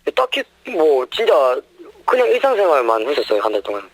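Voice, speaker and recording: Voice-disguised young man, 19, pitch shifted deep, quick halting answers, dry sound. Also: huge pitch swings, no echo, rough recording. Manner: halting, hesitant, short answers. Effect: voice disguised, pitch shifted deeper. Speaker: interviewee. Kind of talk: news interview.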